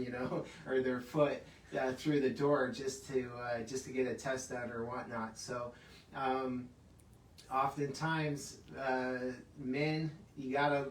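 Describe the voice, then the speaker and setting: A man hosting a casual health talk from his clinic, chatty and laughing often, with plenty of fillers. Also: medium pitch. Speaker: chiropractic clinic host. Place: clinic room. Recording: echoey room, mic at a distance, faint hiss.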